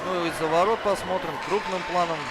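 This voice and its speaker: A man's voice: high-pitched, fairly even intonation, fairly quick, a loud crowd. A man giving conversational live analysis as a hockey co-commentator. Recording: loud ambient noise behind the voice.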